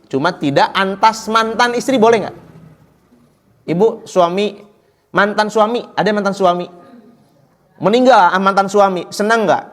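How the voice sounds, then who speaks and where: A man teaching a mosque study class, joking and quizzing his audience. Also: a little high. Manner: joking, asks the audience questions. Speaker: Islamic teacher.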